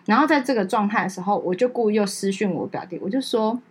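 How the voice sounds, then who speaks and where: Young woman, podcast co-host, brisk, slightly husky, animated storyteller who jumps into other voices. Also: medium pitch. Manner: animated storyteller, acts out relatives' lines in raised voices. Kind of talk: casual chat.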